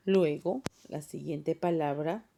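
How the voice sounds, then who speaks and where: Lady teacher, slow and patient, keeps asking right? after each point. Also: sits low, gravelly, mellow, a little hiss or hum. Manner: patient, explains step by step with frequent tag questions. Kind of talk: classroom grammar lesson. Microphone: phone voice recorder.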